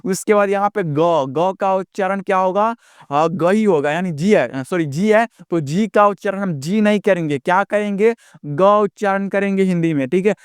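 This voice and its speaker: A man teaching English letter sounds in an online lesson, repetitive and drawn-out as he keeps calling viewers his friends. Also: high voice, clear, resonant tone, no room sound, clean studio sound. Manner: slow, drawn-out letter-by-letter explaining.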